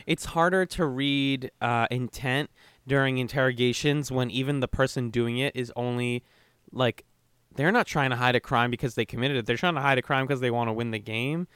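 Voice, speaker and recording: A man co-hosting a podcast in casual chat, animated and laughing as he acts out what others said. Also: medium pitch, moderate pace, smooth, no room sound, studio quality. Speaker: podcast co-host.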